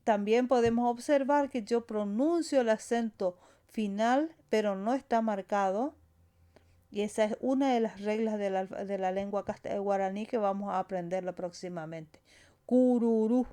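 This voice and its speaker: A woman's voice: medium pitch, fairly even intonation, normal speed, warm tone. A woman teaching a language lesson, saying sounds and words one at a time and stressing the final syllables. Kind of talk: slow explanatory lesson.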